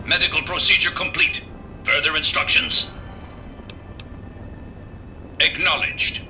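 A man's voice: a little high, steady tone, normal speed, pushed and bright, slight background noise, rough recording. A man voicing a malfunctioning male medical robot that reads clipped system announcements and stumbles into error messages. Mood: glitchy procedural. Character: glitching male medical robot, flat and procedural. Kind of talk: video game character dialogue.

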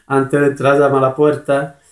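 A man's voice: medium pitch, completely flat delivery, moderate pace, roomy sound. A man telling a joke in a chatty, casual way, with some hesitations. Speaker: joke teller.

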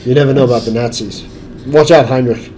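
A man's voice: medium pitch, steady tone, fairly quick, a crowd in the background, low-quality recording. A man playing a video game, trading crude, teasing banter with his co-player. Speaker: let's play gamer. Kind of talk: crude improvised banter over gameplay. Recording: home recording with clear background noise.

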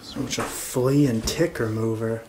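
A man wanders an abandoned trailer home, pointing out leftover things in an unhurried, offhand way. His voice sits at a middle pitch and comes through a handheld camera. The recording carries a steady layer of noise. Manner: slow, offhand remarks on found items. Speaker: urban explorer. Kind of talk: casual exploring commentary. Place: abandoned trailer homes, indoors. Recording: noisy handheld camera audio.

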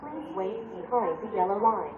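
A woman's voice giving a formal train station loudspeaker announcement, in slow, even, clearly spaced phrases. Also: mid-range voice, narrow, tinny audio, a crowd in the background. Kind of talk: formal scripted public announcement. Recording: echoey station PA heard from a distance. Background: faint train and platform noise.

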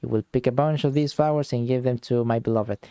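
Haughty spoiled boy duke read by a man, pompous and commanding, mellow tone, game dialogue. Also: mid-range voice, fairly even intonation, brisk, clean tone, no echo, lightly acted. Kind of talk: reading game dialogue aloud.

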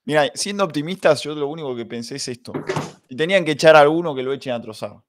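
A man's voice: a little high, animated, quick pace, slight background noise. A young Argentine man hosting a live football reaction stream, chatting and reading the chat aloud. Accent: Argentine Spanish. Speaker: streamer and host.

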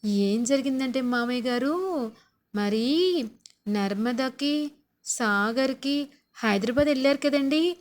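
A scheming young daughter-in-law who wheedles and sighs theatrically while spilling family secrets, as a woman acts her out. The voice sits somewhat high. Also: slow, pauses often. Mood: sly wheedling. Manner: sly, wheedling, dramatic sighs.

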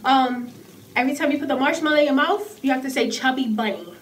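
A woman hosts a casual vlog. Her voice is high and her delivery playful and repetitive, recorded a little away from the mic with faint noise. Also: fast talker. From the Bronx, New York. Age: 20s. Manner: animated, playful, repeats phrases. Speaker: vlog host. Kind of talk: casual joking chat to camera. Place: small indoor room at home, camera a little away. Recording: slightly noisy, distant home recording.

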